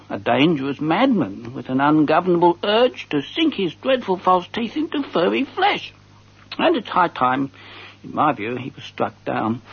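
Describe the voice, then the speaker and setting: Earnest radio advice host, husky, lively. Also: male voice, a little high, exaggerated voice. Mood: gravely certain. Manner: mock-serious, conversational, deliberate. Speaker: advice show host reading listeners' letters. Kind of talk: comic radio monologue, reading and answering letters. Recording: slightly dull radio recording.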